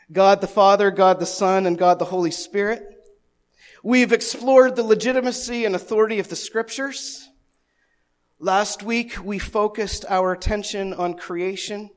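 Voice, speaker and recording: A man preaching a sermon as pastor at a church service. He moves from a soft, hushed prayer to lively, emphatic preaching with playful asides and jokes at his own expense. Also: sits high. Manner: playful asides and self-teasing humor.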